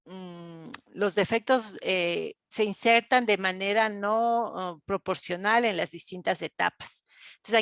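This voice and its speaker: A woman's voice: medium pitch, creaky, a bit bright, no echo. A woman, lecturing an online class, explaining step by step with frequent fillers and check-ins to students. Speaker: university lecturer.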